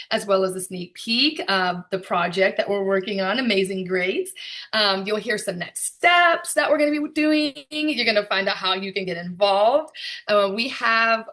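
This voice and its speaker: A woman producer and director hosting a video call, chatty and excited, with frequent fillers and laughs. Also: medium pitch. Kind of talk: casual presentation on a video call.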